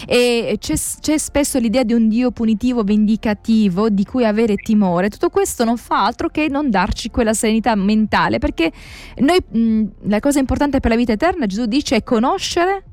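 Woman, higher voice, dry close sound, interviewer, engaged questions. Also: darkish tone, no room sound. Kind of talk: interview on religion.

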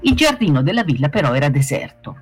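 A woman reading a children's fable aloud in a lively, expressive way. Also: low-pitched, fast talker, slightly rough, faint music behind. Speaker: storyteller, author of the tale.

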